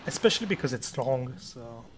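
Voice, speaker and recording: A man talking through his own game run in short, relaxed remarks. His voice sits at an ordinary middle pitch, plain and easygoing. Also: brisk. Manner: brief, relaxed remarks while playing. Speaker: speedrunner. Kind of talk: casual game commentary.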